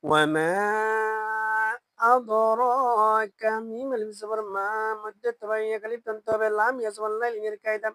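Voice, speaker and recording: A Quran reading teacher with a Bangladeshi Bengali accent who spells each word letter by letter, chants it slowly and asks learners to repeat after them. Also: mid-range voice, completely flat delivery, a bit bright, no echo, poor audio. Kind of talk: slow spelled-out recitation lesson.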